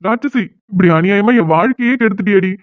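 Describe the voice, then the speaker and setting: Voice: medium pitch, fast talker, no room sound, lightly acted. Someone voicing a whiny sulky cartoon guy, pleading a lot, tinny phone-like audio. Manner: whining, pleading. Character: young man, whiny, sulking new husband. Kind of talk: cartoon dialogue.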